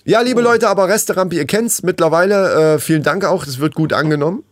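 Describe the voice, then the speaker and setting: A man's voice: high voice, fairly quick, dry recording. A man co-hosting a podcast in casual, colloquial, joking banter. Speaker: podcast co-host.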